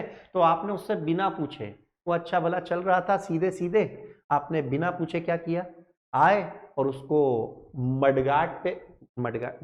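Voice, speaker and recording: Male lecturer, fairly high voice, lively, fires off rhetorical questions. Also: muffled recording. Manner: lively, rhetorical questions, mixes English terms into his talk. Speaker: law teacher. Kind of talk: classroom lecture.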